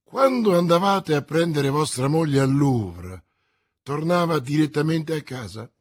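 A stern elderly cardinal, as a man puts him on, questioning slowly and with cold authority. The voice is husky and breathy, with wide swings of pitch. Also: expressive. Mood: interrogating. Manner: stern, probing, deliberate.

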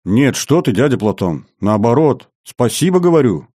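A man's voice: medium pitch, lively intonation, moderate pace, a little mellow, no echo, studio quality, lightly acted. A man voicing a cheeky young boy who pleads and makes promises. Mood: meek. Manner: pleading, promising, then meekly grateful.

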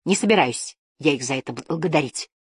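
A suspicious, hostile young woman who grumbles in a low, quiet voice, read by a woman narrator. Husky and dry, close to the mic. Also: expressive, a little fast, no echo, full character voice. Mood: sullen.

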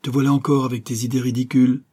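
A man's voice: medium pitch, little pitch movement, fast talker, warm tone, breathy edge, pitched above the performer's own voice, lightly acted. A man voicing a harsh, impatient middle-aged banker in an audiobook, with a nervous and scornful delivery. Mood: irritated scorn. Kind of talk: audiobook character reading.

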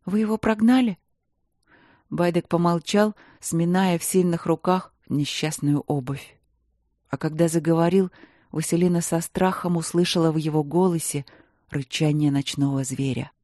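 An audiobook narrator reading a romance fantasy in an even, measured storytelling manner. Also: medium pitch, no room sound, clean studio sound.

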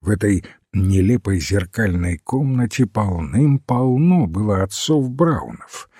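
A man narrating an audiobook at a slow, measured pace. His low voice has a husky grain. The sound is dry and close, with no room around it. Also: no echo. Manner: measured, even storytelling. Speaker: audiobook reader. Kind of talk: scripted narration.

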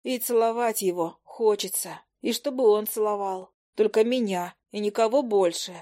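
A woman's voice: medium pitch, normal speed, warm tone, lightly acted. Storybook heroine read by a woman: young witch, flustered but defiant, slightly raised voice. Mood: musing.

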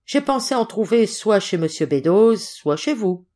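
A woman's voice: medium pitch, lively intonation, a little slow, mellow, pitched above the performer's own voice, natural voice. A woman reading the part of a shifty, grinning older male sailor who talks with insolent familiarity.

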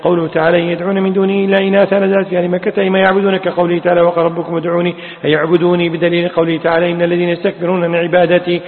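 Guy teaching, rattles through old commentary text, sings the verses, flat tone, sounds like a phone line in a big hall. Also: high-pitched, very fast. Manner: chants quoted verses melodically. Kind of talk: reading classical Quran commentary aloud. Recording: tinny, echoey hall sound.

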